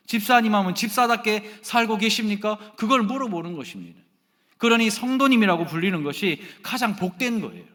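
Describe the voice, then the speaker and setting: Male pastor with a Gyeongsang accent, high voice with plenty of melody, talks directly to the congregation and teases them. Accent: Gyeongsang Korean. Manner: animated, addresses the congregation directly and jokes with them. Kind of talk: sermon.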